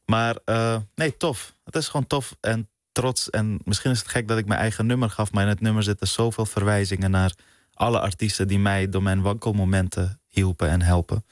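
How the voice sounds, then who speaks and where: A man being interviewed on the radio as a guest musician, talking in a relaxed, slangy way. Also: on the low side, fairly quick, no room sound, studio quality. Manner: relaxed, slangy, with filler questions like "snap je". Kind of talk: casual radio interview chat. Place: radio studio.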